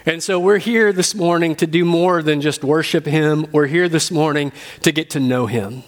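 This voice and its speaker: At a pulpit microphone, a pastor delivers an earnest teaching sermon, repeating key phrases for emphasis. His voice is a little high and moves at a normal speed.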